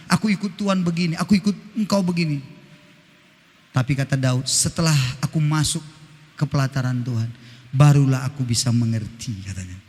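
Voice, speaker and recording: Animated, teasing male pastor in a church hall. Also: a little high. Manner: animated, teasing, sings snatches of hymns. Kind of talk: sermon.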